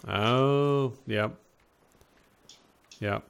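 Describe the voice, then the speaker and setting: A man's voice: mid-range voice, very slow, vocal fry, smooth. A man hosting a casual let's-play, chatting in an easygoing, talkative way. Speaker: host.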